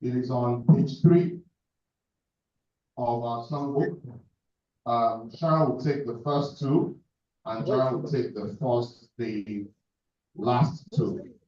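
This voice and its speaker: A man's voice: mid-range voice, takes it slowly, pauses often, warm tone. A man with a Nigerian accent hosting a club breakfast meeting, giving jovial, directive cues. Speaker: meeting host. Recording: echoey hall, distant mic, dull sound.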